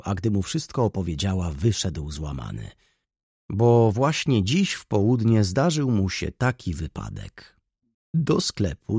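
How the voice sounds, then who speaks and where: Male audiobook narrator with an expressive, lively delivery and a dry, close recording. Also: lowish voice, husky, dry recording. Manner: expressive storytelling. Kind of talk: scripted literary narration.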